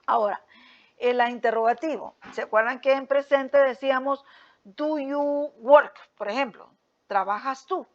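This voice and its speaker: A woman teacher with a somewhat high voice explains grammar rules patiently, checking often that the students follow. The recording sounds dull and lo-fi. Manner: patient, repeats with frequent "¿verdad?" and "¿ok?" checks. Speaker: English teacher. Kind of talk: explaining a lesson step by step.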